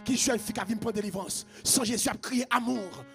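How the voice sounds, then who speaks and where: A Haitian preacher with a strikingly high, gravelly voice that cuts bright and sharp. He shouts and chants his sermon in rhythmic repeated phrases. Faint music plays behind him. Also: a little fast.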